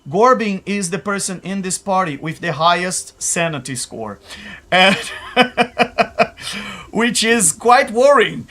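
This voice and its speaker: A man's voice: sits high, lively intonation, takes it slowly, long pauses, bright, forceful tone. Chatty man hosting a tabletop game. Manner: chatty, hesitant with many fillers, laughing asides. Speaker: game master. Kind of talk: live-play host introducing players.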